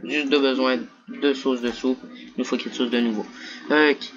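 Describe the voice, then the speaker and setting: A man's voice: mid-range voice, steady tone, moderate pace. A man chatting casually as he plays a co-op video game. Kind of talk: casual gaming chat during co-op play. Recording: dull lo-fi audio, other voices behind. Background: other people talking.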